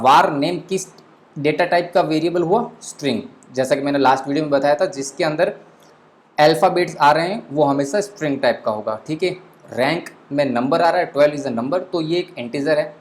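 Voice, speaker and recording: A man teaching a beginner programming lesson, explaining step by step, mixing English into Hindi, with frequent fillers. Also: a little high. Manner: explains step by step, many fillers like 'theek hai'; mixes English phrases into Hindi. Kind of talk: screen-recorded coding lesson.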